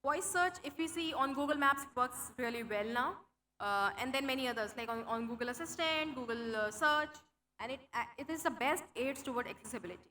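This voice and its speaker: In a conference hall, a young woman whose first language is Hindi gives a tech talk in English with an Indian accent, including a live demo. Her voice sits high and sharp, a little fast, with a faint hiss or hum behind it. She explains things with many fillers and restarts.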